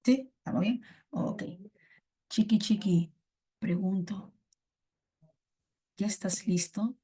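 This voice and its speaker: A woman's voice: medium pitch, slow, dark tone, breathy edge. A woman teaching an online class in Peruvian Spanish, playful and coaxing, repeating her phrases as she talks to students over a computer mic.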